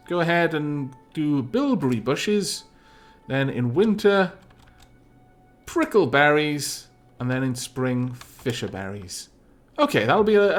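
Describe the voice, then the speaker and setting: Faint music sits under this casual gameplay commentary from a Welsh streamer whose first language is Welsh. He ponders the game in a lively pitch, rambling and thinking aloud with the odd dry aside.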